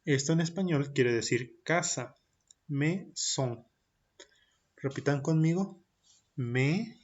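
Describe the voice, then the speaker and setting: A man's voice: fairly high pitch, darkish tone, lo-fi sound. A man teaching a recorded French lesson for young children. He says each point in French, then repeats it in Spanish, and drills the pronunciation carefully. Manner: slow and deliberate, drilling pronunciation. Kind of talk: recorded primary-school language lesson.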